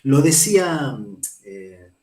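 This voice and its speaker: A man's voice: a little high, big pitch swings, extremely slow, darkish tone, roomy sound. A man with an Argentine accent giving a casual, digressive university lecture on psychoanalysis, often checking in with "¿sí?". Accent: Argentine Spanish. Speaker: psychoanalysis teacher.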